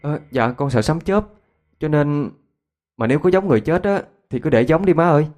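A man voicing a brash, cocky teenage girl who talks like a rough man, in a narrated ghost story. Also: fairly high pitch, animated, a little fast, darkish tone, pitched above the performer's own voice, close to an everyday voice. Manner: bold, swaggering, talks back like a man.

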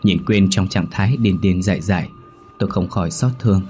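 A man narrating a horror story in a steady, measured way. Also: low-pitched, faint music behind.

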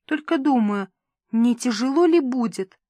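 A woman's voice: fairly high pitch, animated, unhurried, dark tone, no room sound, pitched above the performer's own voice. A woman reading aloud, voicing a dreamy, pouting young pregnant bride.

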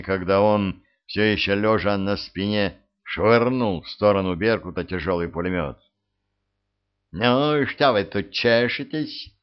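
A man reading a war story aloud as an audiobook narrator, dramatic and expressive. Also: on the low side, lo-fi sound.

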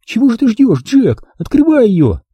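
A man voicing an eager young girl who pleads and cheers in a high, excited voice. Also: fairly quick, slightly rough, dry recording, exaggerated voice.

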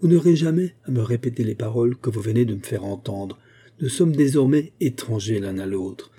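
A man voicing a proud, cold young gentleman who speaks stiffly and haughtily, pitched above his own voice. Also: animated, fairly quick, slightly rough. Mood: cold, haughty.

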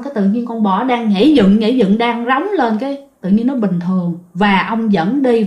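A woman's voice: on the high side, darkish tone. A woman narrating a ghost story in a chatty way, talking directly to her listeners. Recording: roomy echo.

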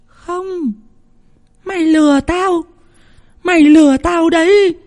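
Man doing a shrill crazed old grandmother. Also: steady tone, slow pace, darkish tone, heavily acted. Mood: frantic, menacing. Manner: shrill, wailing, threatening.

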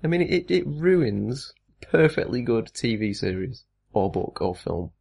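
A man co-hosting a relaxed chat. His voice is a little husky and breathy. He jokes drily and keeps asking questions. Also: mid-range voice, measured pace. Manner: dry, joking, asks lots of questions. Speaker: podcast co-host. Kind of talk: casual chat.

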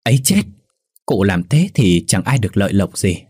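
A man's voice: fairly low pitch, very animated, mellow, husky. Man doing a cheeky young peasant joker. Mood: wheedling. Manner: mocking, teasing, quick-witted.

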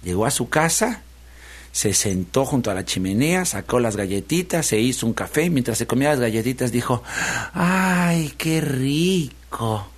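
A man, a radio host telling a children's story in a lively, repetitive rhythm. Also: mid-range voice, brisk, husky. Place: radio studio.

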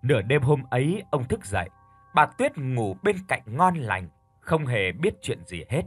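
A man narrating a horror audiobook in a calm, measured storytelling voice. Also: medium pitch, breathy edge, faint music behind.

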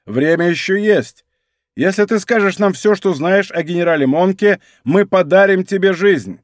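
A man voicing a soldier officer in an audiobook, shouting threats before turning meek before his general. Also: on the high side, expressive, a little fast, dry recording, clean studio sound, natural voice. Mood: threatening. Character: threatening male army officer, later humbled.

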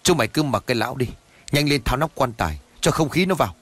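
A man's voice: medium pitch, animated, breathy edge, faint music behind. A man doing a brash, scornful young hothead. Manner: fast, scornful shouting. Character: brash, fearless young man, rude and bossy.

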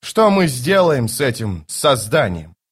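A man voicing a fierce, impatient elder god in an audiobook, growling and forceful. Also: mid-range voice, sing-song, unhurried, breathy edge. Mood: urgent. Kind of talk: audiobook character voice.

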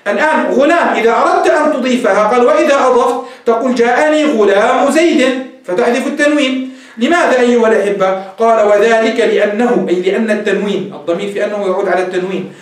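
High-voiced male lecturer in an echoey room. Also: very fast. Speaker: teacher of Arabic grammar. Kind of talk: recorded lecture. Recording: echoey room, distant mic.

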